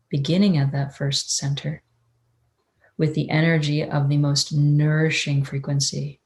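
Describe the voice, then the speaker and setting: A woman teaching a guided breathing meditation in a soothing, unhurried, mystical healer's tone. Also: deep voice, a little mellow. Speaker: energy-healing teacher.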